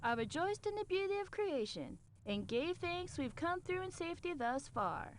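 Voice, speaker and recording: A woman's voice: very high-pitched, big pitch swings, moderate pace, slight background noise. An actress playing a devout, cheerful pioneer woman in a computer game, folksy in manner. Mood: rapturous, grateful. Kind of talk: scripted game character dialogue.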